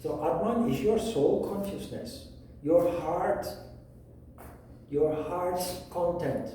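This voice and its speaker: Slow-speaking man teaching in an echoey room. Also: high voice, warm tone, a little hiss or hum. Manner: slow, measured, with pauses and restarts. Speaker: yoga teacher. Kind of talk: explanatory lecture at a whiteboard. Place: room with a whiteboard. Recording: echoey room, mic at a distance.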